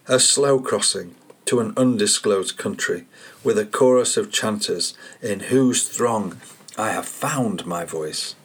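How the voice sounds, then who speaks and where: Slow, low-voiced man reading poetry. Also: slightly rough. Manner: slow, measured, contemplative reading. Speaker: poet and podcast host.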